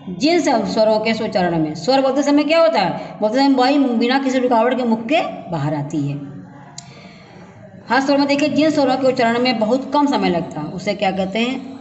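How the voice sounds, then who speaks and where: A woman teaching a grammar lesson, asking questions and answering them herself, sounding out syllables slowly. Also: on the high side, darkish tone. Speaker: school teacher. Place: classroom or room at a school. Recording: dull echoey room recording.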